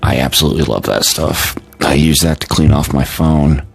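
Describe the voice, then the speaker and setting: A man's voice: extremely low pitch, normal speed, vocal fry, slightly rough. A tired man chatting casually on a live stream, rambling with many fillers and restarts. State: tired and yawning.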